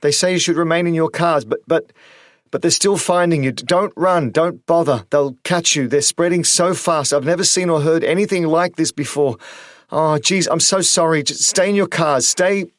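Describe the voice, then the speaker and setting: A man's voice: mid-range voice, a little fast, no echo, clean studio sound. A man voicing a flustered, panicking control-room announcer speaking over a car radio. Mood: hysterical. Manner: flustered, breaking into near-hysterical pleading. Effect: car radio broadcast.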